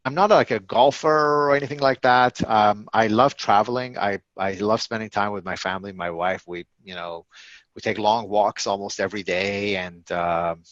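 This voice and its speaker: A man in his fifties, an executive answering interview questions in a halting, casual way, full of fillers and restarts. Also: fairly low pitch, fairly bright tone, no echo. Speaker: tech company executive guest. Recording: dull, lo-fi and dry.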